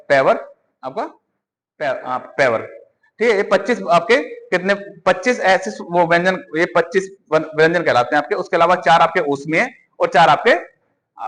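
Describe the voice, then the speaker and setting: High-voiced teacher quizzing his class. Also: a bit bright. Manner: quizzing students, repeating answers. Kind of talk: classroom lecture. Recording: hall reverb.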